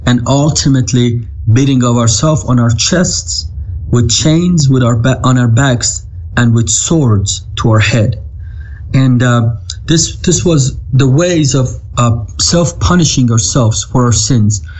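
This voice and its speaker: Over a rough-sounding video call, an Iranian man in his thirties whose first language is Farsi tells his life story with real earnestness. His voice is mid-range and darkish, and his Iranian-accented speech stops and restarts often in this personal testimony.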